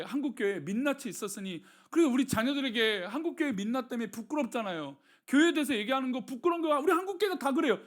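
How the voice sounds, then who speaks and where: Animated high-voiced Korean pastor preaching. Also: male voice. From Seoul, South Korea. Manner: animated preaching, asks the congregation questions, drops low for blessings. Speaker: senior pastor. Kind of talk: sermon.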